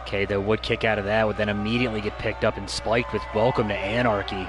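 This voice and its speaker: A man delivers wrestling commentary in a fairly low voice over clearly audible music. He works as a play-by-play commentator, using clipped, punchy phrases to call the action move by move. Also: level tone, fast.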